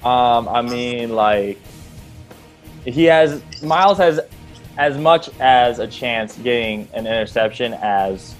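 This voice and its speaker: A young man hosting a casual sports podcast, loose and quick to laugh, taking listener predictions. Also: medium pitch, faint music behind. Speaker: podcast host.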